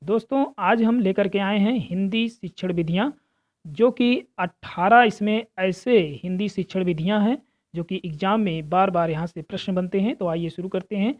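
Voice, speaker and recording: A woman's voice: mid-range voice, normal speed, lo-fi sound. A woman teaching exam preparation, reading out multiple-choice questions and steadily explaining each answer while addressing viewers as friends.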